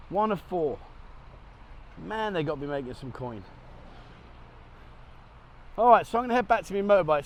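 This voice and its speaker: A middle-aged man talks to his handheld camera at a cafe, rambling cheerfully and laughing at his own slips. His voice sits a touch high for a man. Faint street noise hums behind him. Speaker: travel vlogger. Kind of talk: casual vlog chat to camera. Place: cafe in Thailand, partly outdoors.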